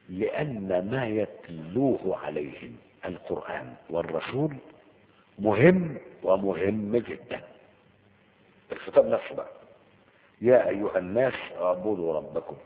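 Egyptian teacher asking and answering himself. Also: male voice, low voice, in a large hall, phone-quality sound. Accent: Egyptian Arabic. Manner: asks the class questions and answers them himself. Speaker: Arabic grammar teacher. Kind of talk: colloquial lecture with Quranic quotes.

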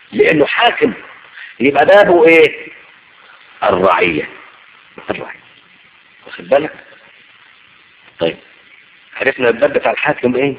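A man with an Egyptian Arabic accent preaching a sermon, firing rhetorical questions and answering them himself. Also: mid-range voice. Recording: muffled lo-fi recording.

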